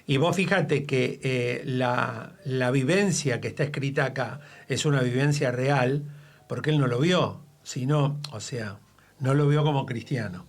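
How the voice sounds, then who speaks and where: A man's voice: mid-range voice, a little slow. A man leading a church Bible study conversation, speaking emphatically and quoting scripture at length.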